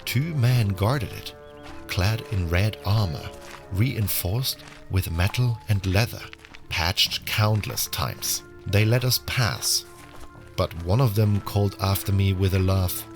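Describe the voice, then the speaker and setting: A male actor plays a new prison inmate telling his own story in an audio drama. His voice is fairly low and takes its time, measured and wary, with music underneath. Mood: measured, reflective. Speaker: first-person narrator and prison inmate. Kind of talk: scripted audio drama narration.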